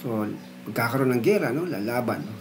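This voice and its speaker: Man, mid-pitched, chatty lecturer, thinks out loud, light noise in background. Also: animated, brisk. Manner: conversational, frequent tag questions and fillers. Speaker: philosophy lecturer. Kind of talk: casual explanatory talk.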